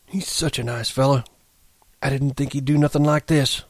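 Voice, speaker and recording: A man's voice: medium pitch, fairly even intonation, normal speed, dry recording, pitched above the performer's own voice, natural voice. A man voicing a grieving, bitter old ranch hand with rustic American speech, in an audiobook reading. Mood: subdued.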